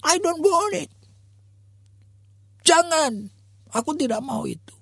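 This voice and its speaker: A man voicing a frightened, angry four-year-old girl who pleads and shouts in a preacher's story. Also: very high-pitched, lively intonation, slow, gravelly, no echo, studio quality, pitched above the performer's own voice, exaggerated voice. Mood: pleading. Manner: pleading, crying out.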